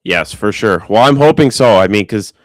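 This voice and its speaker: A man's voice: fairly low pitch, lively intonation, no room sound, rough recording. A man hosting a sports podcast, talking in a friendly, easygoing way. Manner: friendly, agreeable, quick asides. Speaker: podcast host. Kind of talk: casual sports talk.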